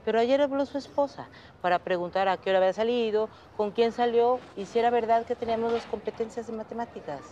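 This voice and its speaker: A woman's voice: on the high side, fast talker, hardly any pauses, dark tone, lo-fi sound, slight background noise, natural voice. A woman playing a firm, polite school principal. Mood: formal. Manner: polite but firm, formal.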